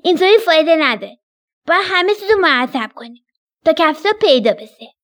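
A woman's voice: high-pitched, very animated, fairly bright tone, pitched above the performer's own voice. A woman voicing a tidy young storybook friend who teases and chides. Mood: reassuring.

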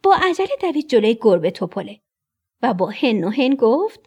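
Brief: high, breathy woman storyteller, animated children's narration. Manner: expressive, dips into whispers for suspense.

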